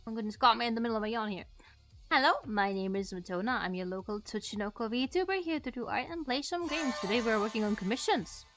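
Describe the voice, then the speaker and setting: A woman's voice: fairly high pitch, lively intonation, fast talker, fairly bright tone, faint music behind. A woman livestreaming as a host, chatting casually in a cute, bubbly anime-streamer manner. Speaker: VTuber art streamer, host.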